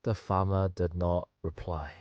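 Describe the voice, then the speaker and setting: A man narrating a story on a radio show, in a measured storytelling voice. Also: sits low, fairly even intonation, a little mellow, no echo, muffled recording. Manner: measured narration, quick laughing chat. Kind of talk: scripted narration and casual chat.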